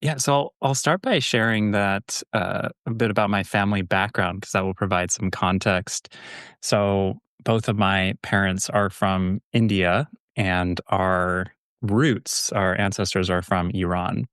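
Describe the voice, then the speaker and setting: A young man from California, a holistic health coach appearing as a podcast guest, talks reflectively in a casual interview, using many fillers and restarts. His low voice is steady, smooth, and a bit bright, and he speaks a little slowly. The clean studio recording has no echo.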